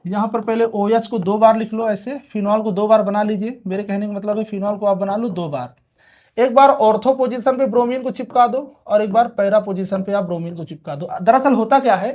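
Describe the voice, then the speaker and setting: A man's voice: high-pitched, fairly even intonation, brisk, a little mellow. A male chemistry teacher giving an exam-prep lecture who asks questions aloud, answers them himself, repeats key terms and keeps urging students to pay attention. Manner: repeats key terms several times over.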